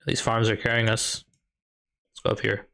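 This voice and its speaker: Streaming a strategy game, the young Chicago-accented American, a high school math teacher by day, speaks in a relaxed, mid-pitched, gravelly voice at a moderate pace. He half talks to himself and reads out viewer questions as they arrive in this casual live-stream chat.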